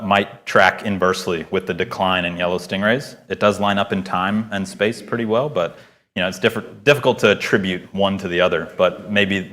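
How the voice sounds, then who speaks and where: A man in his thirties, with a fairly low and slightly bright voice, gives a research presentation into a microphone. He is addressing a live audience in a lecture hall at a conference, with Q&A. His lecturing style is earnest and emphatic, full of rising stresses.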